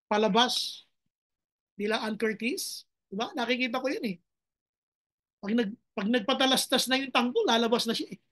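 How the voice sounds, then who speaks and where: A high-pitched woman pastor delivering a sermon with passion. She moves between two languages and rises into dramatic pleading cries to God. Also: fairly bright tone.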